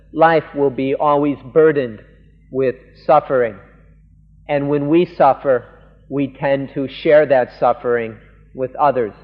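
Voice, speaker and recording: A man, a monk, interpreting a Buddhist sermon live, speaking earnestly in halting phrases. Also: a little high. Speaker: monk interpreter of a Dhamma talk. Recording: lo-fi 1980s tape in a reverberant hall.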